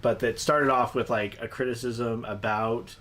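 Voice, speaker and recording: A young man co-hosts a late-night livestream, chatting casually with lots of fillers and restarts. His mid-range voice is unhurried and fairly bright, with fairly even intonation.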